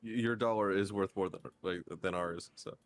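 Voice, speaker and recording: A man's voice: on the low side, steady tone, moderate pace. A man chatting on a voice call, hesitant and laid-back, often restarting his sentences. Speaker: friend on voice chat. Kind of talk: casual voice-chat conversation.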